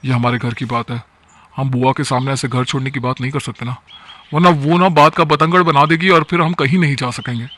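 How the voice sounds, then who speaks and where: A man's voice: mid-range voice, fairly even intonation, fairly quick, pushed and bright. A man voicing a mild young husband in a storybook tale, reasoning and soothing. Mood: calm.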